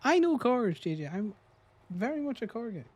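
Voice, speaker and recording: An Irish man joking and teasing his friends during a relaxed gaming session. His voice sits at an ordinary middle pitch and sounds close and dry, with little room around it. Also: normal speed, no echo. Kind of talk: casual gaming chat.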